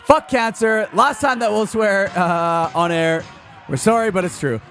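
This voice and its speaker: High-voiced, excitable male hockey commentator. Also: unhurried, soft background music. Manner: energetic, excitable calls with frequent filler restarts. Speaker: play-by-play commentator.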